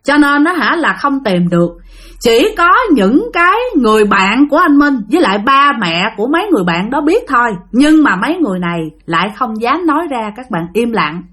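A woman's voice: sing-song, fairly quick, fairly bright tone. Chatty woman telling ghost stories. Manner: chatty, addresses listeners often, drops low for suspense. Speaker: storyteller. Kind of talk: spoken ghost story narration.

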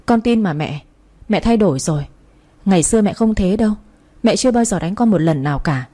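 A woman's voice: medium pitch, animated, a little fast, dark tone, natural voice. A woman voicing a fifteen-year-old girl who is protective of her little sister and stands up to her mother. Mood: earnest, pleading.

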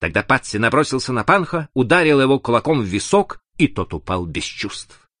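A man narrating an adventure audiobook in an expressive, dramatic reading. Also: medium pitch, brisk, no echo, studio quality.

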